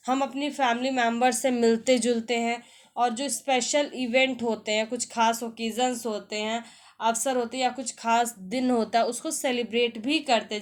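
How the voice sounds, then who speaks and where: A woman teacher giving a lesson. She reads English textbook lines slowly, then explains them in a conversational way and asks her students questions. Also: fairly high pitch.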